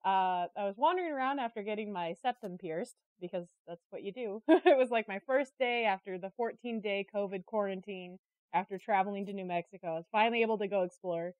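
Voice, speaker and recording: A creative director and artist, interviewed as a guest, tells stories in a chatty, giggly, animated way. Her voice is medium-pitched and fairly quick, and the audio is narrow and tinny with no echo.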